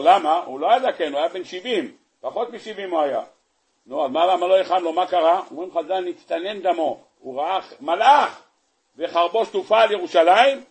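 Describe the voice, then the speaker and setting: Rabbi guy preaching, high voice, kinda raspy, tells the story all animated and keeps asking the crowd questions. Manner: animated storyteller, acting out the scenes; asks the audience rhetorical questions. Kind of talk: weekly Torah portion sermon.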